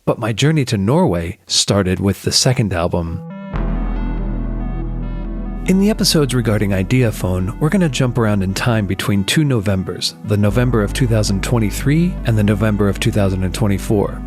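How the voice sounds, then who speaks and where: A man with a Northwestern US accent narrates his own podcast about producing a band. His voice sits low, and he tells the story in a scripted way with frequent side notes. Soft music plays faintly underneath. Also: lively intonation, normal speed. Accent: Northwestern United States. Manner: explanatory storytelling with asides.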